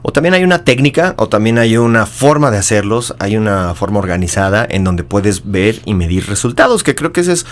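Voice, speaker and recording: A man's voice: fairly low pitch, very animated, a little fast, few pauses. A middle-aged man, hosting a casual interview, joking and asking long, rambling questions. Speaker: podcast host.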